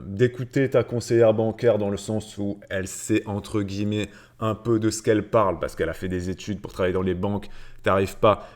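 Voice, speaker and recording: Chatty low-voiced male finance streamer. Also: a little mellow. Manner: chatty, greets viewers by name, many fillers and repeats. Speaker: livestream host on personal finance. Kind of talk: casual livestream chat reading viewer comments.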